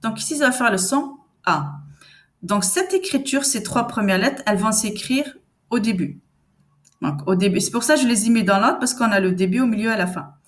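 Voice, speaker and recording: A woman teaching reading in a patient, conversational way, repeating sounds and syllables slowly and answering the questions she expects from learners. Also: on the high side, animated. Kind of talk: step-by-step reading lesson.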